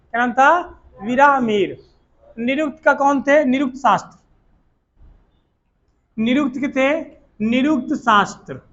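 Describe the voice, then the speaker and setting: A man's voice: very high voice, fairly bright tone, dull audio. A male teacher, giving a classroom lecture and drilling students with repeated questions and answers. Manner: repetitive call-and-response drilling.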